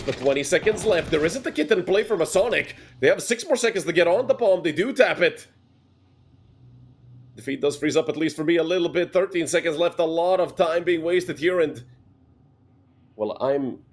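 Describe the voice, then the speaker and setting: A young Serbian man casts an esports match on his own, giving play-by-play and chatting with viewers between plays. His voice sits a little high, slightly mellow, with a breathy edge.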